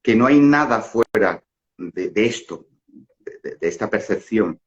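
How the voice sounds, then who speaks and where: A man's voice: lowish voice, lively intonation, measured pace. A middle-aged man giving a casual spiritual talk, rambling with fillers and restarts and frequent rhetorical questions. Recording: dull lo-fi audio.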